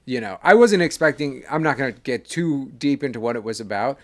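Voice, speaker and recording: A man's voice: mid-range voice, expressive, fairly quick. A man from New York with a New York accent, co-hosting a casual podcast chat in an easygoing, agreeable way. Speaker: podcast co-host.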